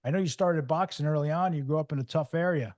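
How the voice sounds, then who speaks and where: A man hosting a podcast, reading a calm scripted intro and then interviewing a guest. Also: a little high, fast. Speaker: podcast host.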